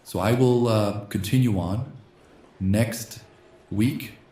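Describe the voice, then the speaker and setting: A slightly hoarse, fairly low-voiced man who hosts a gaming channel reads a text adventure game aloud in a soft ASMR style, even voicing the punctuation marks. He speaks slowly, and the sound is roomy.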